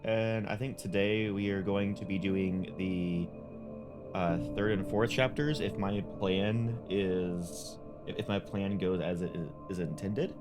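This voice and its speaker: A man's voice: low-pitched, steady tone, measured pace, music in the background. A man hosting a casual let's play, talking carefully with a sore jaw and a mouth that does not fully open. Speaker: gaming channel host.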